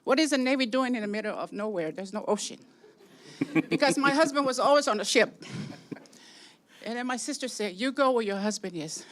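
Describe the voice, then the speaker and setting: A woman's voice: on the high side, expressive, brisk. An older woman from San Francisco giving a rambling, chatty public comment at a city meeting, laughing between points.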